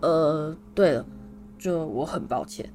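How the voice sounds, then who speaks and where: A woman's voice: deep voice, slow, darkish tone, faint music behind, voice pushed down. A woman voicing a kindly, flustered middle-aged wizard father who rambles through apologetic explanations.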